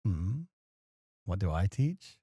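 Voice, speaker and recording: A voice actor plays a gracious, teasing professor moonlighting as a club host in a flirty ASMR roleplay, sounding fond, playful and softly courteous. His deep voice swings widely in pitch, moves slowly and has a breathy edge, in an exaggerated performance. The recording is clean studio sound with no echo.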